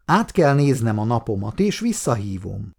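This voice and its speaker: A man voicing a busy middle-aged client who talks briskly and a little irritated on the phone in an audiobook. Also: medium pitch, very animated, vocal fry, breathy edge, heavily acted. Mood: curt.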